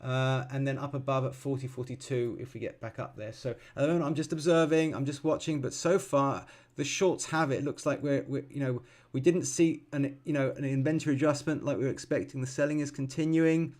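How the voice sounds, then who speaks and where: A man in his forties giving live trading commentary, thinking aloud calmly and explaining as he goes, with frequent ums and self-corrections. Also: medium pitch, fairly quick, few pauses. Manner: calm, explanatory, teaching as he watches. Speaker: futures trader streaming live.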